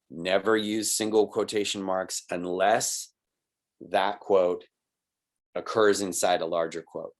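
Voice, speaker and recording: A man teaching a recorded online college writing lesson, explaining patiently and checking in with "right?" and "okay?". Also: low-pitched. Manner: explanatory, patient, with little laughs.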